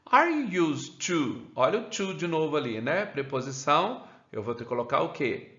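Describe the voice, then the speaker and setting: Brazilian teacher with a roomy, dull sound. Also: male voice, on the high side, big pitch swings, pushed and bright. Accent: Brazilian Portuguese. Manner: keeps adding "né?" after phrases, says English examples slowly. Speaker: English teacher. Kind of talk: explaining a grammar lesson.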